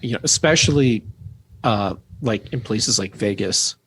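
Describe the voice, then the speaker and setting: Measured man as podcast guest. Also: on the low side, lively intonation, a bit bright, slight background noise. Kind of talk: casual tech podcast chat.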